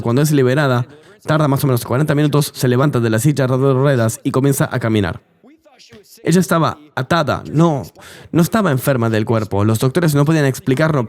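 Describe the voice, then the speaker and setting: Guy dubbing an interview, earnest storytelling voice, mid-pitched. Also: a little mellow. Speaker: interview guest. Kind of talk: dubbed voice-over of an interview.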